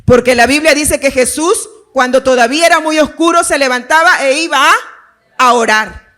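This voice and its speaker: A woman's voice: high voice, fairly bright tone. A middle-aged woman pastor preaching a sermon, telling stories with laughter and rhetorical questions.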